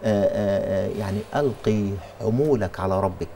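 A man's voice: lowish voice, normal speed, mellow, a little hiss or hum. A man with an Egyptian accent answering religious questions in a TV studio, explaining with emphasis and frequent restarts.

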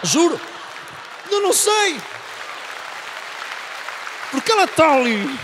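A man in his thirties performs stand-up with a European Portuguese accent. His voice is high and very animated, repeating phrases for effect, with the long reverb of a big theatre. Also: slow, a crowd in the background, noisy background. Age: 30s. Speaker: stand-up comedian. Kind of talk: stand-up comedy routine. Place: large theatre stage. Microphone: handheld microphone.

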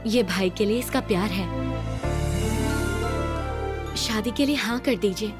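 An actress dubbing a lively, persuasive young woman in a film, coaxing and mixing in English words. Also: mid-range voice, measured pace, lightly acted. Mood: pleading. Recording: dubbed dialogue over loud film music.

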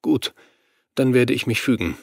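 A man's voice: mid-range voice, animated, unhurried, gravelly, dry recording, clean studio sound. A male audiobook reader voicing a worried father searching for his missing son, speaking in a tense, urgent way.

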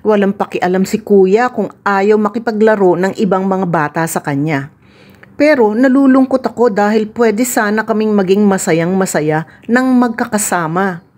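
A woman reading a children's picture book aloud in a gentle, expressive storytelling voice. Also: mid-range voice, moderate pace. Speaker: storybook reader.

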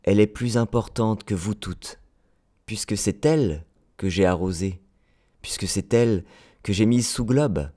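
A man's voice: lowish voice, unhurried, mellow. A man doing an earnest little boy prince. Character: gentle small boy prince, earnest and wondering.

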